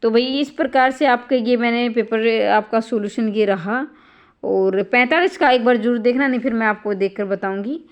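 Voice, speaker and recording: Woman teacher, kinda high voice, going thru exam answers, keeps saying theek hai. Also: moderate pace. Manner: talks students through each answer, often adds "bhai" and "theek hai". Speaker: Hindi exam tutor.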